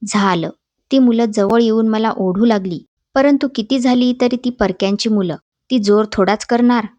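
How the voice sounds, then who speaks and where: A woman narrating a textbook story in a clear, measured storybook reading. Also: fairly high pitch, mellow, no echo. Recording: dull dry voice-over.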